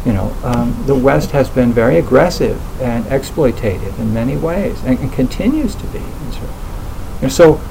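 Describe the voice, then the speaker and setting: A man speaking thoughtfully in a relaxed conversational talk, hesitating often with fillers and restarts. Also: mid-range voice, normal speed, vocal fry, a little hiss or hum, rough recording.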